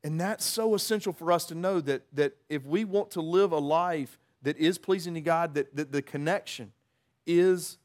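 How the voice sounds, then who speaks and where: A man's voice: on the high side, normal speed, a little mellow. A man preaching an informal, conversational sermon, earnest in tone and often restarting or repeating words as he works through a passage.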